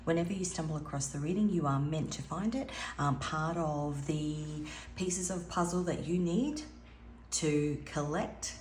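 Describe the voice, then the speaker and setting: An intuitive tarot reader, a woman with a low, raspy, darkish voice, delivers an unhurried spiritual card-reading monologue. She's earnest and meandering, restarting sentences often, and the room sounds echoey with faint hiss and background noise.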